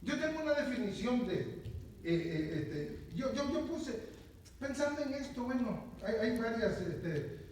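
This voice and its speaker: A man preaches a chatty sermon in a fairly high voice, repeating himself and asking the room for agreement. He is picked up from well back in a very reverberant hall, with a faint hiss underneath. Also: very animated, a little slow, a little mellow. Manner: conversational, repeats words, often asks "¿verdad?". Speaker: pastor. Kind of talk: conversational sermon. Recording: very echoey, distant, faint noise.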